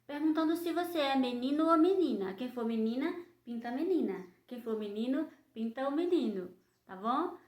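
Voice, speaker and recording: A woman teacher, giving a children's phonics lesson and sounding out letters slowly in a sing-song way. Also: high-pitched, animated, a little mellow. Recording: echoey room.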